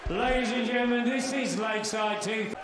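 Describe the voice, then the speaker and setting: A man working as a darts score caller, proclaiming scores and names in a booming, drawn-out, ceremonial way. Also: fairly even intonation. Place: large indoor darts arena. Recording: echoey hall, loud crowd noise. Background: loud crowd.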